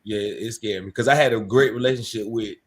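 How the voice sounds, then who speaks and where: A man's voice: lowish voice, brisk. A man in casual, reflective chat with friends, laid-back, slangy and a little hesitant as he thinks aloud.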